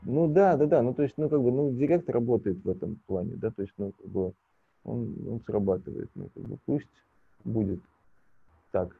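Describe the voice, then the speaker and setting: A man's voice: medium pitch, moderate pace, creaky, slightly rough, no echo. A man, a business owner, talking casually as a guest on a video call, hesitant, with many fillers and chuckles. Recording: dull lo-fi call audio.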